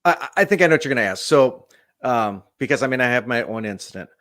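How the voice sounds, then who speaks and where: A man's voice: mid-range voice, animated, quick pace, a bit bright, dry recording, clean studio sound. A man co-hosting an interview, asking and reflecting in a thoughtful, hesitant way. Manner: thoughtful, hesitant, searching for words. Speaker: podcast co-host.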